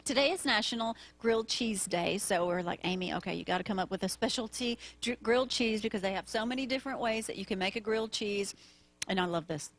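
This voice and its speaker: A woman's voice: mid-range voice, fast. Chatty woman co-hosting a morning show. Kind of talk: casual chat.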